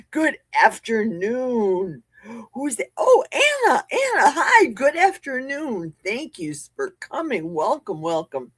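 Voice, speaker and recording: Her voice is a little high and slightly rough, slow, with huge swings in pitch and no room sound. She's a woman running a casual livestream from her basement at home, joking and chatting while she replies to viewers, using a desk mic equipped with a cough button.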